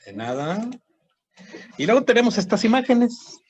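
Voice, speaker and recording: A man's voice: high-pitched, sing-song, measured pace, a little mellow, breathy edge, no echo, muffled recording. A man teaching a histology class online, explaining step by step and checking in with students. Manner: explanatory, repeats terms, frequent "¿sí?" and "¿verdad?" checks.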